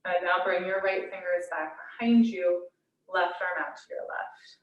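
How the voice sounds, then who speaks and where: A woman yoga teacher guiding a class in a soothing, unhurried manner, with gently inviting cues and pauses between them. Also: lowish voice, fairly even intonation, highs cut off, a little hiss or hum. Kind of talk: guided hatha yoga instruction. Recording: echoey room, distant microphone.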